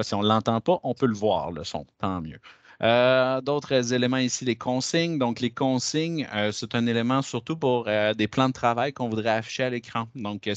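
A man with a Québécois French accent walking teachers through classroom software in a chatty, hesitant way, with plenty of fillers. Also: fairly low pitch, dry recording, lo-fi sound. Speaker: educational technology trainer. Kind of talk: screen-share software demo. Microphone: headset.

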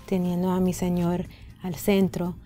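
A woman with a relaxed, fairly low voice speaks as an interview guest. Her Spanish has the American accent of a native English speaker, and she pauses to search for words, slipping into English at times. Music plays softly behind her. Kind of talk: conversational interview answers. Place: indoor radio and TV studio set.

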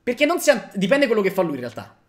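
Animated, emphatic man. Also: sits high, racing. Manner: emphatic, excitable, swearing. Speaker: streamer playing a card game. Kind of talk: live game commentary with friends. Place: indoor room.

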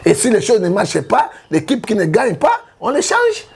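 A man from Congo with a Congolese French accent, giving animated political commentary full of rhetorical questions. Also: sits high, moderate pace, creaky, slightly rough. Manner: emphatic, rhetorical questions, frequent "hein?".

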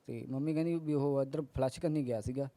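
Halting, earnest man telling his story. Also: medium pitch, fairly even intonation, mellow, dry recording. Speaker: interviewee. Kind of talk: news interview testimony.

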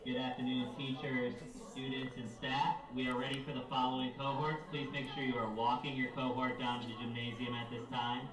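A man reading school announcements over an intercom, in a measured way that repeats each instruction. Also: medium pitch, flat delivery, over music. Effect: heard over a school intercom loudspeaker. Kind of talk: public address announcements. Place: classroom, heard from a wall speaker. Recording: echoey distant intercom speaker with faint room hum.

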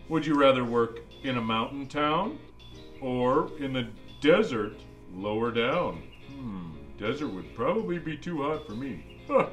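A man's voice: medium pitch, lively intonation, unhurried, fairly bright tone, faint music behind. A man playing a jolly old Santa Claus, reading a children's storybook aloud with playful, musing asides to the kids. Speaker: storybook reader.

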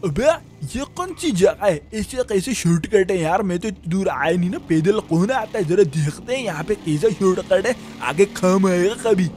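A man doing a broke young shop helper in a game role-play, talking to himself nonstop in a Pakistani Urdu accent. His voice sits high for a man, and he rambles and chuckles between lines. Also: lively intonation, moderate pace, darkish tone, soft background music. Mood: chatty. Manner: rambling self-talk, frequent chuckles and "yaar".

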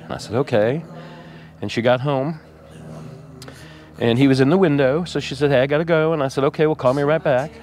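A man vlogging from his RV, talking tearfully and haltingly with many pauses and fillers. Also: medium pitch, a little mellow. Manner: rambling, halting, with many ums and uhs. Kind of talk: casual vlog talk to camera.

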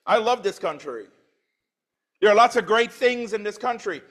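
A man's voice: high-pitched, lively intonation, normal speed. A man in his forties from Trinidad, preaching a sermon in church, reading scripture with swelling emphasis and dropping into plain conversational asides. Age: 40s.

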